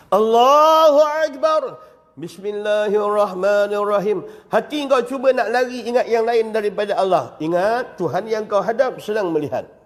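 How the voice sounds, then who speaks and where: High-voiced Malaysian ustaz in a mosque. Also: male voice. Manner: lively, joking, with acted-out examples. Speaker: religious teacher. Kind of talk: mosque lecture on Sufism. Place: mosque prayer hall. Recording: long reverb of a mosque hall.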